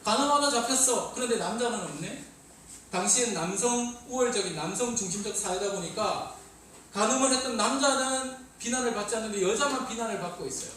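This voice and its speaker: A man preaching a sermon to youth as pastor, lively and calling on listeners to read along, in a church hall. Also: high-pitched, brisk. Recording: very echoey hall, distant mic, faint hiss.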